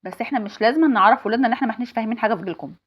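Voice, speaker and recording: A woman's voice: fairly high pitch, very fast, breathy edge, lo-fi sound. A woman in her forties with an Egyptian accent, giving insistent advice to other mothers and repeating her points emphatically.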